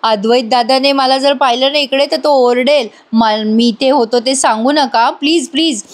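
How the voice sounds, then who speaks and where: A jittery, pleading young man from a serial recap, eager to get away, as a woman narrator puts him on. The voice is high and hurried. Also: close to an everyday voice. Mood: nervous. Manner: nervous, pleading.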